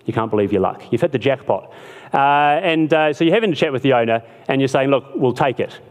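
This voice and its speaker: A man preaching a sermon in a relaxed, conversational way, telling a story and acting out short bits of dialogue. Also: medium pitch, fast. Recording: long hall reverb.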